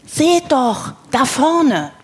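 A woman voicing a bold young pony who leads his friends, brisk and decisive. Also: high voice, very animated, darkish tone, exaggerated voice. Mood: determined. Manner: brisk, decisive, hissing when tense.

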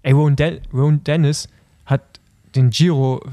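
A man's voice: on the high side, steady tone, normal speed, dark tone, no room sound, clean studio sound. A man co-hosting a casual podcast chat, talking loosely with frequent fillers and leading the segments. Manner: conversational, hesitant fillers, leads segments. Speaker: podcast co-host. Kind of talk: casual chat about cycling.

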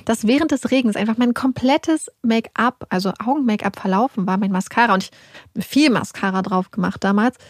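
Animated woman telling stories, slightly high. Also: a little fast, no room sound, clean studio sound. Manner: animated, self-mocking storytelling. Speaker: podcast co-host. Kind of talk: casual podcast chat.

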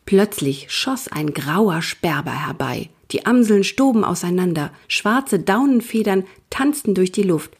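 A woman reading a children's nature story aloud, soft and partly whispered. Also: medium pitch, animated, a little slow, few pauses, breathy edge.

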